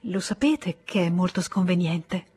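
A hesitant young woman, read by a woman narrator, coy and wavering, her husky voice lifted a little. It is a gentle storybook reading rather than full acting. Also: fairly low pitch, measured pace, soft background music.

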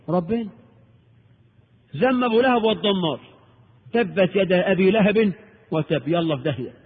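A man preaching a lecture in Egyptian Arabic, animated and rhetorical, asking and answering his own questions. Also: sits high, slightly rough. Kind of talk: recorded Islamic lecture. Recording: tinny old tape in a reverberant hall.

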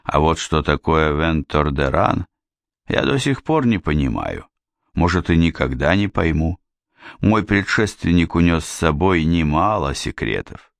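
A calm, wry king with a soft, gently teasing way of talking, as a male narrator reads him. The voice sits extremely low and deep. It sounds close and dry, with no room around it. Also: dry recording. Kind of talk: audiobook character reading.

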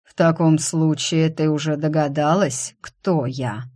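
Woman voicing a cold, calm Death. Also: sits low. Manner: unhurried, even, cold.

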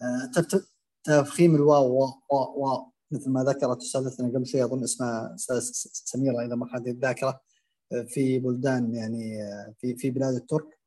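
A man teaching Quran recitation, explaining and demonstrating common pronunciation errors in a halting, filler-heavy way. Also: medium pitch, level tone, warm tone. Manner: hesitant, many fillers and restarts, demonstrates pronunciations aloud.

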